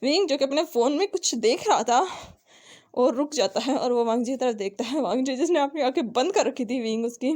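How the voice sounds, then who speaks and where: A woman with a high voice reads a romance story aloud. Her narration is steady and plain, moving evenly from one line to the next. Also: brisk. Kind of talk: reading a fan fiction story aloud.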